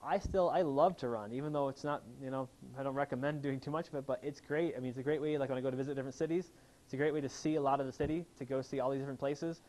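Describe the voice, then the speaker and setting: The recording is rough, but you can hear a man racing along at medium pitch with fairly even intonation and a slightly mellow tone. He's a chiropractor presenting an enthusiastic health seminar live, asking the room questions as he talks.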